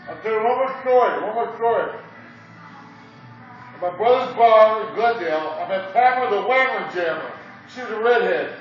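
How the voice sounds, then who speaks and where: In an echoey, dull, distant room with music playing, a man in his fifties from Indiana, USA rambles crudely through stories as a coffee shop customer, chuckling between them. His voice sits high and is expressive, at a moderate pace.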